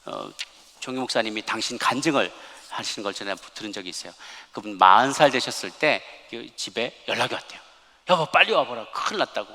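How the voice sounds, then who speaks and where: A man's voice: fairly low pitch, brisk, pushed and bright. A man preaching a sermon as a pastor in a church sanctuary, telling a story emphatically and reading scripture aloud. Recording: long church hall reverb.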